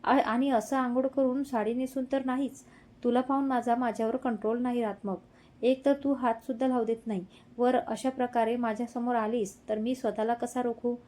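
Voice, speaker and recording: A man's voice: extremely high pitch, little pitch movement, moderate pace, a little mellow. A woman reading as a teasing young husband. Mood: restless longing. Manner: affectionate, playful teasing.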